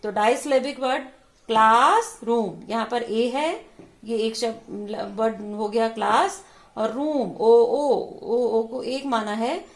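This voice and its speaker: A woman's voice: on the high side, takes it slowly, a little mellow. A woman teacher explaining English vowels, sounding out each word syllable by syllable and repeating it. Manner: mixes Hindi explanation with English words. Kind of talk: slow classroom lesson on vowel sounds.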